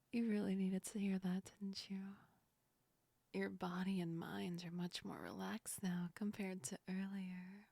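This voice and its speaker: In an intimate ASMR roleplay, a woman plays a gentle female sleep demon, whispering close to the microphone. Her medium-pitched voice is mellow and very breathy with a creaky edge, dry with no echo. Slow and soothing, she reassures tenderly, affectionate and lightly amused as she teases.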